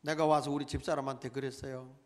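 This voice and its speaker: Speaking fast in a level, mid-range voice, a middle-aged pastor delivers a sermon, calling to the congregation and pressing every point with dramatic force. The church sanctuary adds a long reverb.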